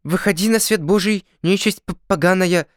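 A man's voice: sits high, moderate pace, no echo, studio quality, voice pushed up, close to an everyday voice. A man voicing a nervous, earnest peasant potter in a storybook reading, who sometimes stammers and gets flustered.

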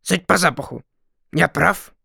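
A man's voice: fairly high pitch, measured pace, gravelly, breathy edge, no echo, clean studio sound, full character voice. A man voicing a sly, mocking storybook dragon. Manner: mocking, lively, chuckling. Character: sly, good-humored male dragon, amused and condescending. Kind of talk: storybook reading.

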